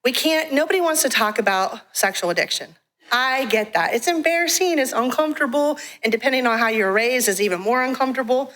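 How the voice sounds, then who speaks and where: Frank, animated woman telling her story. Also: sits high, fairly quick. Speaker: guest speaker from a ministry. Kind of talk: testimony talk to a church congregation. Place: church sanctuary.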